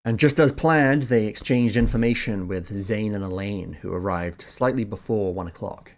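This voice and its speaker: A man's voice: lowish voice, moderate pace. A man hosting a let's-play, casually translating game dialogue aloud, loose and offhand with fillers. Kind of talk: casual live translation commentary.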